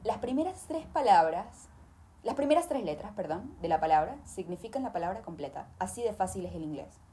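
A woman's voice: mid-range voice, lively intonation, fairly quick, dark tone, slight background noise. A woman talking casually and emphatically, giving listeners tips and speaking to them directly. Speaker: language tips presenter. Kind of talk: casual advice monologue.

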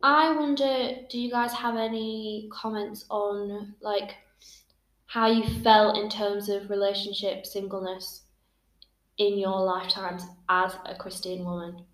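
A woman's voice: medium pitch, little pitch movement, measured pace, a bit bright. A 21-year-old woman from England, hosting a casual podcast chat and talking in a friendly, rambling way. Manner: chatty, laughs often, uses "like" a lot. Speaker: podcast host. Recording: roomy echo.

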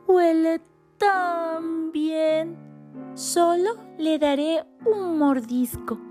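A woman's voice: extremely high pitch, drawn-out words, warm tone, voice pushed up, exaggerated voice. A woman voicing a small, timid young male mouse in a storybook, childlike, earnest and plaintive. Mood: tempted. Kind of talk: storybook character voice. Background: faint piano music.

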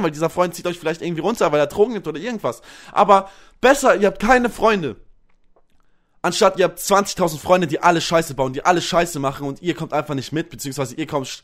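A young man hosting a motivational show, giving an emphatic, repetitive pep talk in slangy casual speech with English catchphrases mixed in. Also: a little high. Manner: emphatic, repetitive, pleading, with swings from loud to quiet. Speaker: motivational podcast host. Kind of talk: motivational monologue addressing viewers.

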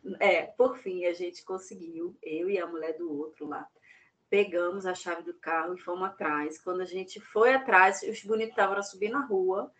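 A woman in casual chat, telling a travel story with animated delivery and acting out what others said. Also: fairly low pitch, moderate pace.

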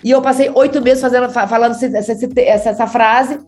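A woman's voice: a little high, fairly even intonation, quick pace, darkish tone, faint music behind. A talkative Brazilian woman, an actress, telling stories from her career in a casual, laughing way. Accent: Brazilian Portuguese. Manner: chatty, laughing, talks a lot. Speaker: actress, interview guest. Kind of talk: casual storytelling.

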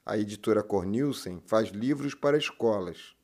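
A man's voice: lowish voice, moderate pace, darkish tone. A man in a language course who reads a plain translation after each phrase.

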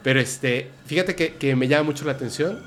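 A man's voice: on the high side, a little fast, a little hiss or hum. Mexican man telling a story, casual. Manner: animated storyteller, quotes friends. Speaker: podcast host. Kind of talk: casual chat.

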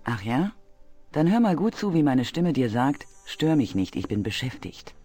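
A woman's voice: extremely low pitch, sing-song, moderate pace, warm tone, no room sound, faint music behind, full character voice. An actress voicing a busy, brusque young woman in a video game, impatient and irritated on the phone.

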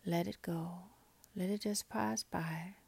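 Soft, half-whispered woman guiding meditation, very slow. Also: fairly low pitch, dry recording. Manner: soft, breathy, half-whispered, calming delivery; short phrases with long pauses. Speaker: meditation guide. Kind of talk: guided meditation.

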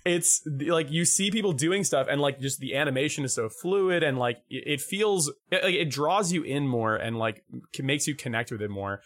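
A man co-hosting a casual podcast chat, animated, with lots of fillers, often acting out quotes in a high put-on voice. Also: moderate pace, hardly any pauses. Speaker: podcast co-host.

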